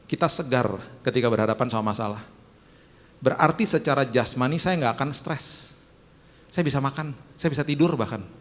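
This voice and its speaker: A male pastor delivers a sermon in a mid-pitched voice that ranges wide, easy and chatty one moment and then climbing high and emphatic. The sound carries a long reverb from a large church hall. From Indonesia. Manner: conversational, rising to animated high-pitched emphasis. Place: church auditorium.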